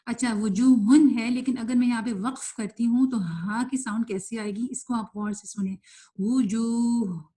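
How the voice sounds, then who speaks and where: A woman teaching Quran recitation in an online class, explaining quickly and mixing in English words, then reciting words slowly and stretched out. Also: on the high side, fairly even intonation, mellow. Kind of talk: online tajweed lesson, live class.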